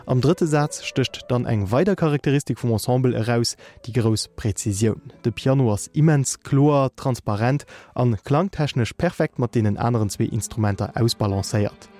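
A man reading a scripted music review for radio in a measured way. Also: medium pitch, mellow. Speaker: music critic.

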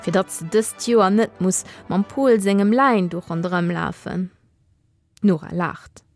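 A woman narrating a children's radio story in a lively reading voice, giving the characters their own voices. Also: mid-range voice, unhurried, faint music behind.

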